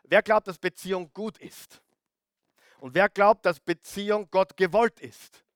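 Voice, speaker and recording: A middle-aged preacher, his voice a little higher than most men's. He hammers key words again and again and keeps turning to the congregation with questions. The recording is dry and close, with no room echo. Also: measured pace. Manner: emphatic, repeats key words, asks the audience questions. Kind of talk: sermon.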